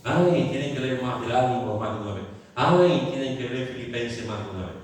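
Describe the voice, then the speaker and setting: Echoey Andalusian preacher in a hall. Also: male voice, mid-range voice, a little fast. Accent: Andalusian Spanish. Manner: animated, rhetorical questions, repeats phrases for emphasis. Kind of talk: sermon. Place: large church hall. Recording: echoey hall, mic at a distance.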